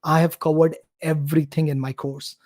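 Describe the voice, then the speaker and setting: On a computer mic during a casual live-stream interview, an Indian course creator in his 30s talks eagerly and promotionally as a guest. His voice is on the high side with a darkish tone, flat delivery and normal speed, and he is quite talkative.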